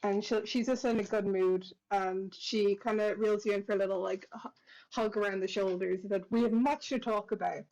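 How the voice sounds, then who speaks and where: A woman's voice: mid-range voice, fairly even intonation, normal speed, a little mellow, muffled recording. A woman playing a tabletop game over voice chat, chattily describing what her character does. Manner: chatty, descriptive, fillers and restarts. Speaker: player. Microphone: headset or desk mic over voice chat.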